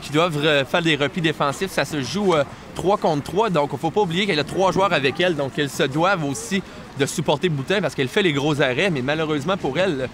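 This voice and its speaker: A man's voice: on the high side, a little fast, a bit bright. A man with a Quebec French accent giving live sports analysis as a colour commentator during a game. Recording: clear venue noise behind.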